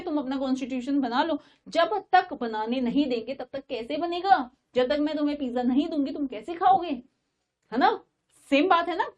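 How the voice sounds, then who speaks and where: A woman's voice: high-pitched, highs cut off. A young woman teaching an online exam-prep class, telling history like a story with an Indian English accent, coaxing and checking in with her students.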